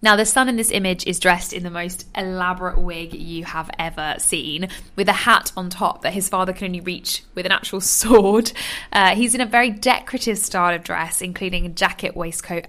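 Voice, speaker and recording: A woman's voice: lowish voice, a bit bright. A woman presenting a radio talk on art history, chatty and informal. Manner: chatty and informal, with small laughs.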